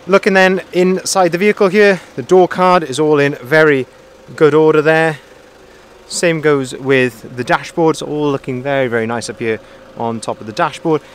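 A man, a car salesman, walking around a used pickup outdoors and calmly pointing out its features. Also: a little high, normal speed. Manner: friendly, methodical, repeats phrases. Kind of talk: walkaround vehicle review. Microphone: handheld phone camera, filming himself off-screen.

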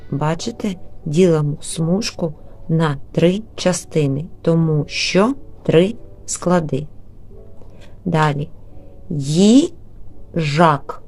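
A woman's voice: low voice, darkish tone. A woman teacher, giving an early reading lesson to young children and drawing out words syllable by syllable. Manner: slow, drawn-out syllable-by-syllable word modeling.

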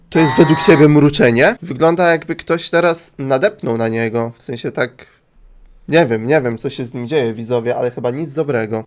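A man commenting on a video game in a playful, joking way, often talking to his viewers and swearing casually. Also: on the high side. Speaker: gaming YouTuber. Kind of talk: let's play commentary.

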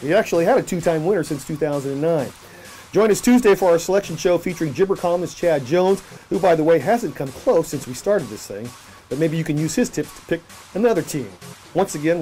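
A man's voice: fairly high pitch, animated, a little fast, warm tone, faint music behind. A middle-aged man hosting a local news show, reading his script in an upbeat way from a small office.

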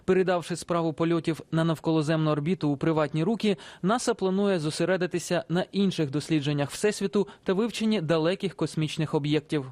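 A man reading a scripted news report in a brisk, even way. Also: fairly high pitch, no echo. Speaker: correspondent.

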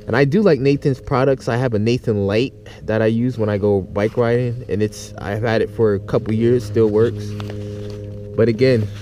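Speaking at a normal pace in a warm, medium-pitched, steady voice, a man casually addresses his audience in an off-the-cuff vlog about outdoor gear. He's in a yard in and around a tent, with faint music in the background.

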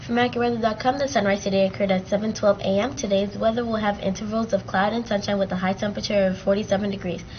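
A teenage girl reads the morning announcements for her school's TV show. She takes her time over dates and codes, keeping an even, practiced pace. The sound is a bit muffled, with a faint rumble behind her. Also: fast talker, few pauses. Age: teens. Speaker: student news anchor. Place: school TV studio, green screen.

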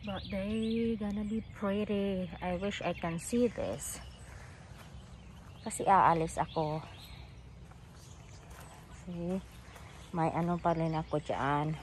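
A middle-aged vlogger with a Filipino accent walks around her front garden outdoors, phone camera in hand, giving a casual tour that moves between English and Tagalog. She talks at a fairly low pitch, slowly and with frequent pauses, over slight background noise.

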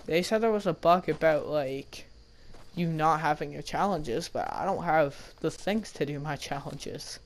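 A young man mutters his way through a game in frustrated, slangy commentary. His voice sits a little high for a man. Loud game noise runs underneath his talk. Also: lively intonation, measured pace. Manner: frustrated, slangy, mumbling to himself. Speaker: gamer. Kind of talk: casual gameplay commentary.

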